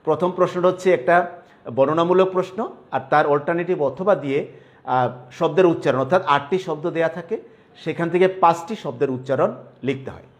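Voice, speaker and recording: A man's voice: on the high side, brisk. A male teacher, giving a classroom grammar lecture and often checking whether students follow. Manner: explanatory, asks "clear?" to check understanding. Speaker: college Bengali teacher.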